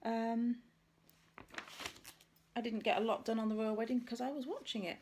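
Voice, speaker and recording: This woman's voice is mellow and on the high side, with fairly even intonation and a moderate pace, over slight background noise. As a vlogger, she chats casually to camera about stitching, rambling and self-correcting as she thinks aloud.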